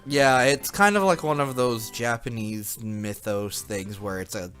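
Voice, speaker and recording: A man's voice: mid-range voice, unhurried, fairly bright tone, faint music behind. A man co-commentating a game casually, laughing often and explaining what happens.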